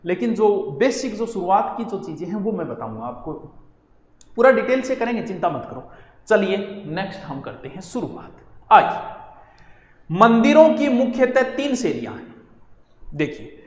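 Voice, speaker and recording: A man's voice: high-pitched, normal speed, echoey room, in a large hall. A man teaching an exam-coaching lecture, who keeps asking questions and then answering them himself. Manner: lively, asks and answers his own questions.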